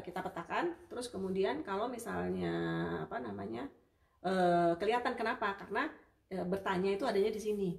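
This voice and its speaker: A woman therapist hosting a casual live-stream Q&A, chatty and warm with viewers, full of hesitations and fillers. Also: medium pitch, vocal fry. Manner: warm and apologetic toward viewers. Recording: roomy sound, distant from the mic.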